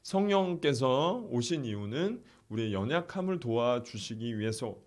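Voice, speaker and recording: A middle-aged pastor telling a story in a sermon, softly acting out the prayers of the people in it. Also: male voice, medium pitch, sing-song, normal speed. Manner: soft-spoken, acts out quoted prayers, laughs often.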